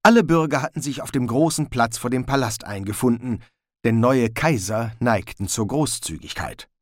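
A man narrating an audiobook in an expressive storytelling style. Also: medium pitch, normal speed, no echo, clean studio sound.

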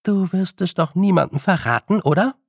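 A man voicing a young girl witch in an audiobook, raising his voice a little and speaking in a measured, stern way. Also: sits high, dry recording, clean studio sound, voice pushed up. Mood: sweetly menacing. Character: young girl witch, calm, firm and commanding. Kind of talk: audiobook character voice.

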